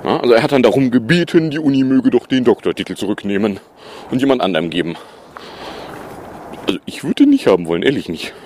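Male host, casual sarcastic commentary, very animated delivery. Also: medium pitch, fast talker, a little hiss or hum. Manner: sarcastic, mocking.

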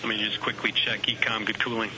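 A man's voice: lowish voice, level tone, fast, noisy background. A man working as a flight controller, talking procedurally over a mission control radio loop.

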